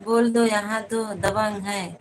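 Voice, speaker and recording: A woman's voice: mid-range voice, fairly even intonation, takes it slowly, low-quality recording. A woman, chatting casually on a phone live stream, greeting viewers by name and asking for their support. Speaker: live-stream host and folk singer. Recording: faint background noise.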